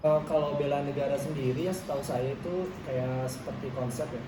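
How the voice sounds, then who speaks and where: A man's voice: medium pitch, steady tone, a little fast. A man in his twenties, an office worker, answering interview questions hesitantly with fillers. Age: 20s. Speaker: private company employee. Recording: echoey, distant mic, loud background noise.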